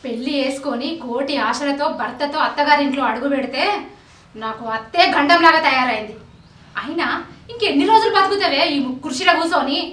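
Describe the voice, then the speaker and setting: A woman's voice: sits high, brisk, a bit bright. A woman with a Telangana accent playing a cruel, two-faced young daughter-in-law who snaps harshly and turns sugary when watched. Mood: cruel, scornful. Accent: Telangana Telugu. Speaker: actress. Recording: echoey room, mic far off, music.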